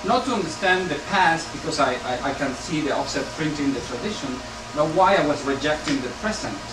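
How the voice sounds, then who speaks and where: Halting man on a panel. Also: fairly high pitch, animated, music in the background. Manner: halting, many restarts and fillers. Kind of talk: panel discussion answer. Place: gallery bookshop room with audience. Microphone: far camera. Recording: echoey room from far off, loud air conditioning hum.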